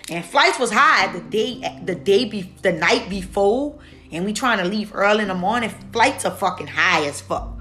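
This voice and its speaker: A young woman, telling a travel story straight to her viewers in a casual, profane, animated way. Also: mid-range voice, moderate pace.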